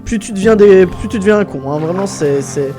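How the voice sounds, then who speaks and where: A young man doing casual, energetic gameplay commentary, joking and swearing a lot. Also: high voice, brisk, faint music behind. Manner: mock English phrases with a French accent. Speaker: gaming YouTuber. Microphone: desk microphone.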